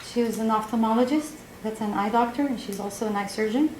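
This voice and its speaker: A woman in her forties gives courtroom testimony into the witness stand microphone. She speaks softly and haltingly, with frequent pauses. The room is echoey with a faint hum underneath. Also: a little high. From Egypt. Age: 40s. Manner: soft-spoken, hesitant with many pauses.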